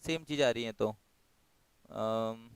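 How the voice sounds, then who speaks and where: Hoarse teacher with a clear, dry voice. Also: male voice, mid-range voice, dry recording, poor audio. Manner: reads questions slowly, explains quickly in mixed Hindi and English. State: sore throat, clearing it often. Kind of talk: online multiple-choice class. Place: home.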